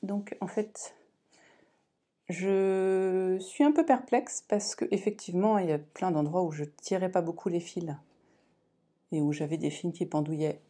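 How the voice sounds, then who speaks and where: A woman in her thirties talks through her week of crafting at home. Her voice is mellow and relaxed, and she rambles with many fillers and self-deprecating asides. It sounds like a casual camera-mic recording. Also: lowish voice, breathy edge. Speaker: crafting vlogger. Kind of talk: casual chat.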